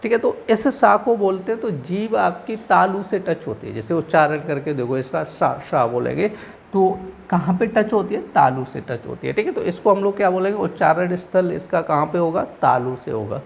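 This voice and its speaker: A man's voice: high-pitched, animated, moderate pace, vocal fry. A man teaching, patiently explaining exam answers step by step and checking in constantly with his students. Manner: patient, repetitive, checks in with frequent "okay".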